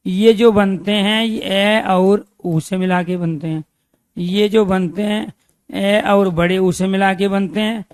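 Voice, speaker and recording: High-voiced man teaching, drilling questions. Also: no echo. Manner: drills students with repeated questions, stretches key terms slowly. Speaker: Hindi grammar teacher. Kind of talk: exam-prep lecture.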